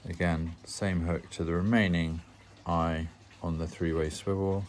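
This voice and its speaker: Very deep-voiced man explaining a fishing rig. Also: little pitch movement, unhurried, a little hiss or hum. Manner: plain explanatory with dry self-mocking humor. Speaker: angling channel host. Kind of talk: step-by-step rig-tying tutorial.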